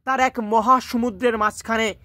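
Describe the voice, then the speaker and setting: A man's voice: extremely high pitch, steady tone, normal speed, bright, forceful tone, dry recording, studio quality. A male teacher reading a story aloud and stopping often to explain its words and restate its lines.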